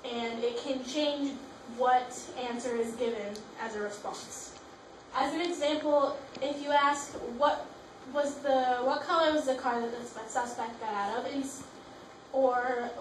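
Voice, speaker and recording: A young woman presents a school project, reading her notes aloud and restarting words as she goes. Her voice sits high. She is picked up from a distance in a roomy, echoing space with faint background noise. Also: steady tone, a little slow. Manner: reads from notes with frequent restarts. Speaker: student presenter. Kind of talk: class presentation. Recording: echoey room from far off.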